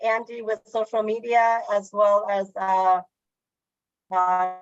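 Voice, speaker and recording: Halting woman hosting a video call. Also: medium pitch, fairly even intonation, soft background music. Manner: halting, with frequent fillers. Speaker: meeting host. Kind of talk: casual online meeting talk. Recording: dull lo-fi call audio.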